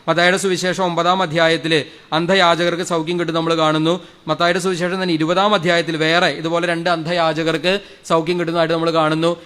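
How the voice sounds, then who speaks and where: Priest preaching hard, high voice, repeats himself, quizzes the crowd, goes loud then soft. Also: male voice, little pitch movement, fast, smooth. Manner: fervent, repeats phrases, asks the crowd questions, swings loud and soft. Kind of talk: sermon. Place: church or prayer hall with a congregation.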